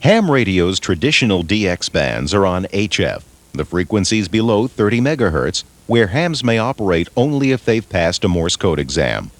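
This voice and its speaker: A man narrating an instructional video in a clear, explanatory way. His voice sits low, but his pitch rises and falls with plenty of life. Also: sing-song, normal speed, dry recording.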